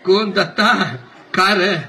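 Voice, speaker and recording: A man voicing a frail, grumbling old village father who talks slowly and complains. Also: high voice, steady tone, vocal fry, bright, forceful tone, a little hiss or hum, voice pushed down, exaggerated voice. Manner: slow, quavering complaints.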